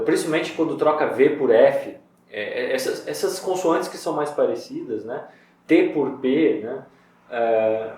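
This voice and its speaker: A man explains poetry in a relaxed, conversational lesson, slowing down to sound out syllables one by one. His voice sits at an ordinary pitch for a man. It carries heavy room echo and sounds distant from the mic. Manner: conversational, spells out syllables slowly. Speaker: poetry teacher. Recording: very echoey room, voice far from mic.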